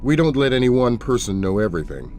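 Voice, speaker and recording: A man playing a composed, authoritative intelligence colonel in a video game, measured and businesslike. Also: medium pitch, very animated, warm tone, faint music behind, natural voice. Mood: collegial, businesslike. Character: composed, authoritative male colonel running covert operations. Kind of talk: video game cutscene acting.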